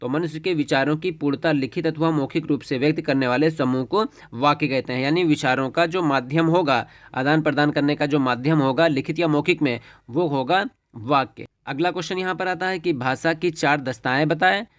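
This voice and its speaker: Male teacher, exam-prep lesson, slightly high pitch, dry close sound, methodical explanations. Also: brisk, fairly bright tone, no room sound. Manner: explains step by step, often says "ठीक है".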